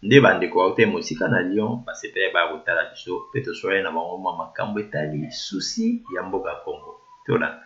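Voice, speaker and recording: Man presenting a show intro, lively. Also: low voice, fast talker, hardly any pauses. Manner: declamatory, repetitive listing. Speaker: channel host. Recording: dull lo-fi audio.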